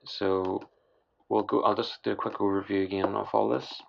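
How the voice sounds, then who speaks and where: A man with a low, gravelly voice, hoarse with a breathy rasp, talks through a software tutorial off the cuff. His delivery is halting and trails off, as if worn out late at night. The recording is dull and lo-fi. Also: little pitch movement, background noise. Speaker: music production tutorial host. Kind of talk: casual unscripted software tutorial. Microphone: voice-over on screen recording. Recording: dull, lo-fi voice-over.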